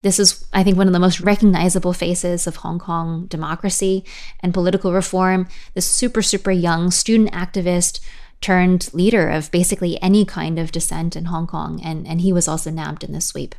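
A woman with a fairly low voice speaks as a correspondent. She explains events in a measured, steady way and now and then restarts a phrase. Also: creaky. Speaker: correspondent guest. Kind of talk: explanatory news podcast talk.

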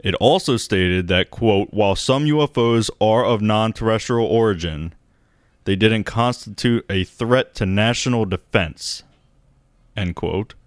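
A man with a low voice co-hosting a loose, profane podcast chat. He laughs easily and slips into mock voices when he quotes people. The sound is dry and close, with no room echo. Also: measured pace. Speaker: podcast co-host. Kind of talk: casual conspiracy podcast chat.

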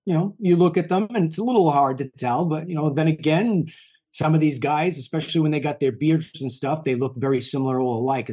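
A man's voice: mid-range voice, mellow. A man in his fifties hosting a political news show, talking in a heated, emphatic way and often repeating himself. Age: 50s. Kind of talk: political commentary.

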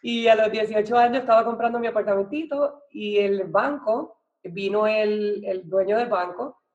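Appearing as a podcast guest, this Puerto Rican woman in middle age, who works in real estate and banking, recounts her story conversationally, slipping in English business vocabulary. She speaks at normal speed in a mid-range, slightly mellow voice with a Puerto Rican accent, on lo-fi sound.

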